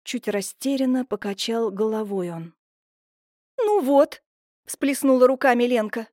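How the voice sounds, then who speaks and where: A woman's voice: on the high side, moderate pace, darkish tone, dry recording. Woman narrating an audiobook, dry and close. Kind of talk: audiobook narration with character voices.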